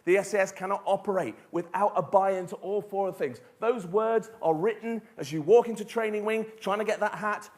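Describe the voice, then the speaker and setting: A man's voice: high-pitched, moderate pace, few pauses, a little mellow. A middle-aged man giving an emphatic keynote talk, telling stories and asking rhetorical questions. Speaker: motivational speaker. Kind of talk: keynote speech.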